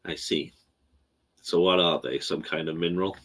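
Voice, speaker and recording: A man's voice: low-pitched, moderate pace, a bit bright. A man playing a tabletop game, asking careful, probing questions in character. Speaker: player. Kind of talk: tabletop role-play.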